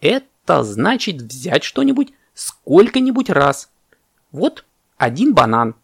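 A man's voice: on the high side, huge pitch swings, slow pace, creaky, husky, pitched above the performer's own voice, exaggerated voice. A man voicing a fussy, self-important male parrot teaching sums in a children's story, lecturing.

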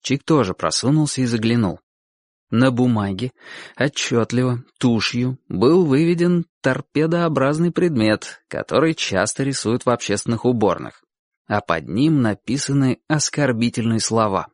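A man narrates a literary story in scripted audiobook style, expressive and vivid. His pitch moves freely and widely through each sentence. The sound is close and dry, with no room echo. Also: normal speed. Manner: expressive storytelling, acts out quoted shouts.

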